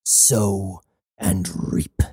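A man voicing a hulking male cyborg captain, a menacing former mercenary with a gravelly, growling voice. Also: deep voice, fairly even intonation, warm tone, no room sound, clean studio sound, voice pushed down, heavily acted. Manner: slow, grim and threatening. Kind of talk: audiobook character voice.

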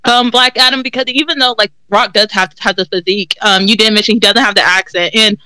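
A woman's voice: medium pitch, steady tone, fast, bright, forceful tone, clean tone. A woman in a casual group chat, eager and fond of "like" and "um" as she talks. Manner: eager, heavy use of "like" and "um".

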